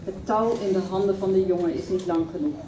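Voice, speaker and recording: A woman reciting a poem at a public event in a measured, solemn reading. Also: fairly low pitch, fairly even intonation, background noise. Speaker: poetry reader. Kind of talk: poetry recitation. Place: event hall. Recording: echoey hall from far off.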